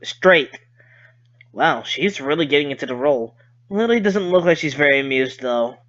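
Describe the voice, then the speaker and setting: A man's voice: a little high, lively intonation, moderate pace, a bit bright, highs cut off. A man reading a visual novel aloud as a streamer, casual and conversational, cursing at his slips and rereading lines.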